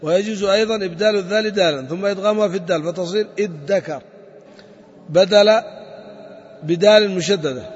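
A man's voice: high-pitched, brisk, long pauses, husky. A man teaching Arabic grammar in a classroom lesson, explaining step by step and quizzing his students with short questions. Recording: echoey hall, dull lo-fi sound.

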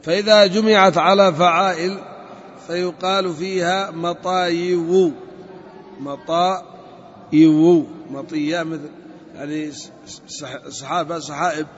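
A man with a high voice teaches a grammar lesson, working through each step and stretching out the word forms as he repeats them. The recording is dull and lo-fi, with a long reverb hanging over his voice. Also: steady tone, a bit bright. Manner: methodical, repeats and spells out word forms slowly.

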